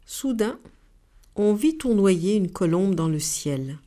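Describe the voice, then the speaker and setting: A woman reading a children's story aloud in an expressive, unhurried way. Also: mid-range voice.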